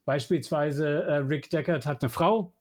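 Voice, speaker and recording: A podcast co-host chats casually about audio dramas and films, explaining things with enthusiasm. His voice is a little high and a little mellow, and he speaks a little slowly.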